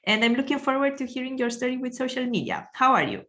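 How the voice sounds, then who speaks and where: A woman's voice: sits high, fast, bright, forceful tone. A woman hosting a podcast, speaking as an interviewer in conversation with a guest. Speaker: podcast host. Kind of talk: interview questions.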